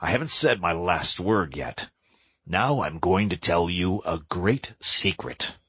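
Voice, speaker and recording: A man voicing a stern, wise old male badger in a storybook reading, slow and grave. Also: sits low, lively intonation, a bit bright, husky, no echo, heavily acted. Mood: kindly.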